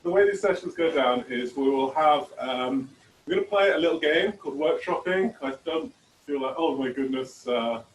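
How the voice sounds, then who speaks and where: A man's voice: fairly high pitch, moderate pace, reverberant, distant mic, a little hiss or hum, rough recording. A man co-hosting a casual online teachers' meetup, rambling with lots of fillers and restarts over a video call. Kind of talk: casual chat.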